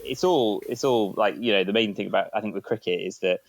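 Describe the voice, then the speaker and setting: A man's voice: lowish voice, fast talker, gravelly, no room sound. A middle-aged man as a podcast guest, chatting in a rambling, hesitant and self-deprecating way. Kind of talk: casual chat.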